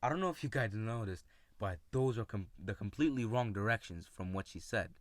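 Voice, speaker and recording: Male storyteller, low pitch, relaxed and halting, dry close recording. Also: no echo. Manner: casual, halting, with many fillers and restarts; retells friends' lines in his own voice. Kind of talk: personal storytelling.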